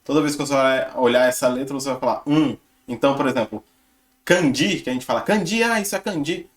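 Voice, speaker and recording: A man's voice: mid-range voice, fast talker. A young man, casually walking viewers through his notes on learning Japanese and chatting with lots of tag questions. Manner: chatty, relaxed, filler-heavy with tag questions. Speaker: channel host sharing his Japanese study. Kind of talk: casual screen-share walkthrough.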